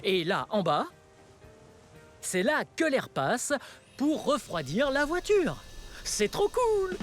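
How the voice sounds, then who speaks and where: This mid-range voice belongs to an excitable children's show presenter, a playful, wide-eyed, cheerful adult who sounds amazed and excited. Teaching young children simply and exclaiming often, the host takes things very slowly with hugely animated intonation, exaggerated wonder, and plenty of giggles and gasps. Music runs underneath.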